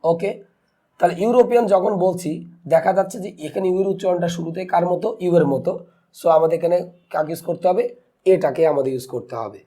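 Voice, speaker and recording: A man teaching an English grammar lesson in Bengali-accented speech, asking questions and answering them himself, and slowly pronouncing example words. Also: high voice, dark tone. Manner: slow deliberate spelling and pronouncing of words.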